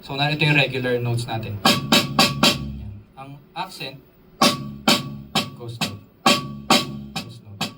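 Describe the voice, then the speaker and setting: A man's voice: medium pitch, slow, pauses often, loud music behind the voice. A man teaching a drum workshop, chatting casually and quizzing his audience. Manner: casual, asks the audience questions, code-switches with English terms. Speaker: drum instructor. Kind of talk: live drum workshop talk. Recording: voice distant from the mic, drums in the room.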